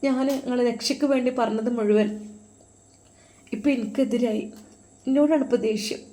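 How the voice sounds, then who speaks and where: A woman's voice: fairly high pitch, normal speed, warm tone, lightly acted. A woman with a Malappuram accent voicing a caring elder sister-in-law who pleads in a tearful tone. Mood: sorrowful. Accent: Malappuram Malayalam.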